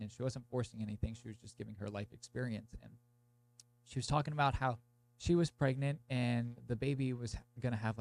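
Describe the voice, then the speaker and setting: Sounding stuffed up, with a blocked nose and sore throat from a cold, a young podcast host rambles informally to listeners while introducing an episode, saying "like" a lot. His medium-pitched voice is creaky and darkish, with a little hiss or hum on the recording.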